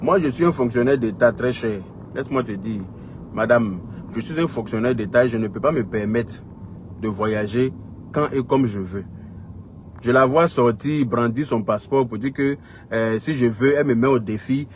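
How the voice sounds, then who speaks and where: A man's voice: medium pitch, normal speed, slight background noise. Scolding Ivorian man ranting to camera. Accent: Ivorian French. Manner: scolding, repetitive, rhetorical questions. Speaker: social media commentator. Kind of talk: heated direct-address rant.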